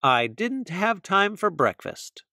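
A man's voice: high voice, sing-song, takes it slowly, sharp tone, no echo, clean studio sound, voice pushed up, full character voice. A man voicing a cheerful young female bunny in a storybook, sweet and eager.

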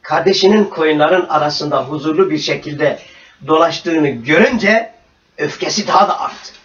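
A man's voice: on the high side, normal speed, fairly bright tone. A man telling a religious story to children and drawing its moral, dramatic and acting out the cries in the tale. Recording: roomy, distant, dull lo-fi recording.

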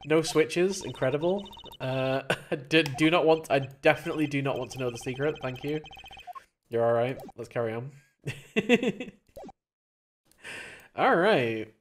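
A let's play gamer reading game dialogue aloud and commenting on the playthrough, playful and jumping into higher character voices. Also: lively intonation, a little slow, long pauses, slight background noise.

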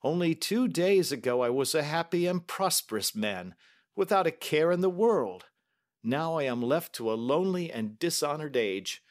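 A man doing a grief-stricken old banker who talks in high, strained, pleading bursts and breaks into frantic questions. It is an audiobook-style reading with a light, somewhat high voice. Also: animated, moderate pace, natural voice. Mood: grieving. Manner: pleading and overwrought. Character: distraught older male banker, grief-stricken, excitable.

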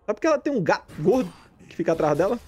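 A man from Brazil, a gaming streamer giving excited, jokey commentary as he plays, repeating his callouts and shouting at big plays. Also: sits high, very fast.

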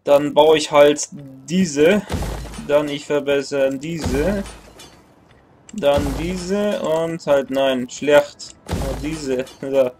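Against a noisy background, a fairly high-pitched male voice speaks extremely slowly. The young man, in his twenties, records let's play commentary on a strategy game at a computer in a small indoor room, thinking aloud, grousing, and correcting himself.

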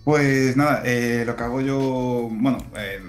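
A guest on a casual interview chat, this man in his thirties from southern Spain is a software engineer and teacher who speaks unhurriedly at a medium pitch. He's relaxed, chuckles lightly, and uses many fillers and restarts. He's in a room at home, where the echoey recording carries faint music.

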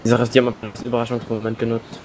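Brief: rapid, excitable male gamer over faint noise, swears under stress. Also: mid-range voice. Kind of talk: casual gameplay chat.

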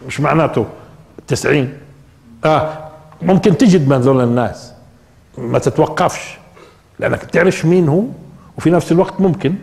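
An older man with a Levantine Arabic accent, an Islamic preacher and teacher, gives a spoken lesson on Quran interpretation, posing rhetorical questions and repeating key phrases for emphasis. His voice is fairly high, gravelly and a little mellow, with a big-room sound.

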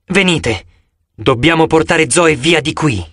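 A man voicing a stern, grieving goddess who speaks gruffly and gravely in an audiobook. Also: fairly high pitch, animated, takes it slowly, a bit bright, no room sound, studio quality, exaggerated voice.

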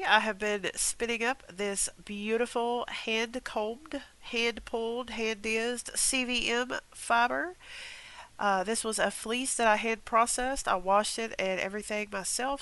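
A young woman talks through her spinning project in a friendly, step-by-step vlog, her nose a little stuffed up from a cold. Her voice is bright and smooth, and the recording is dry and close. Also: fairly high pitch, dry recording, low-quality recording. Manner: chatty, explains her craft step by step. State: stuffed up, congested. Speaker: fiber arts vlogger.

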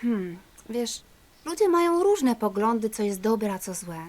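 A woman's voice: a little high, very animated, measured pace, darkish tone. A woman voicing a patient, preachy cartoon mother who explains things soothingly.

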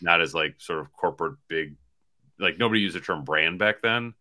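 Here a low-pitched man in his forties talks at a moderate pace with a sharp tone. He's co-hosting a sports podcast over a laptop video call from a small hotel room, casually rambling through postgame chat.

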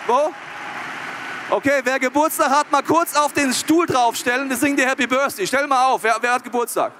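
Male pastor, sermon, high voice, bright tone, joking, talks to the crowd. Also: moderate pace, slight background noise. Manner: lively, joking, addressing the crowd directly.

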